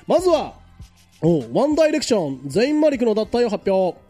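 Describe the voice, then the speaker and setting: A high, very lively male voice, mellow in tone, running a casual radio news segment. He reads each item and then riffs on it with loose, joking asides, with faint music underneath. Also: brisk. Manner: chatty, jokes about news, reads items then comments. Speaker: radio show host.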